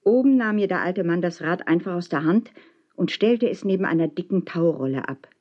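A woman narrating a novel in the first person, telling the story in a measured, clear way. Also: fairly low pitch, lively intonation, lo-fi sound. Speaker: audiobook narrator.

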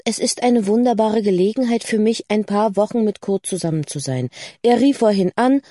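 A woman's voice: mid-range voice, normal speed, warm tone, no echo, studio quality, close to an everyday voice. A woman voicing a mother who coaxes and then firmly scolds her daughter in an audiobook reading. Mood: coaxing. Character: busy mother, coaxing then firm and weary.

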